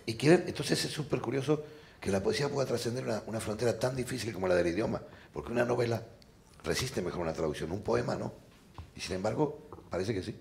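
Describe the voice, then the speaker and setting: A man's voice: on the low side, vocal fry, darkish tone, slight background noise. A man from Argentina, a writer on a book fair panel, telling rambling anecdotes and acting out the people he quotes. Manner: storytelling with quoted voices, quick and rambling. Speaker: novelist and poet, panel guest.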